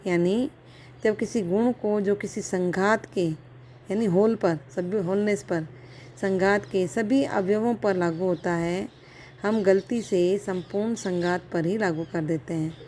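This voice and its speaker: A woman's voice: medium pitch, unhurried, mellow, a little hiss or hum. A woman philosophy lecturer giving a recorded college lecture, explaining step by step with examples and checking in with her students.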